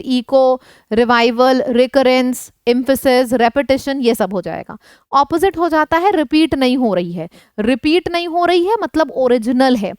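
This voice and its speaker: Female tutor, Hindi native, bright high smooth voice, patient vocabulary drill with frequent check-ins. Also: no echo. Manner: explains words in mixed Hindi and English, checks in often. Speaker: teacher. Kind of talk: online vocabulary lesson.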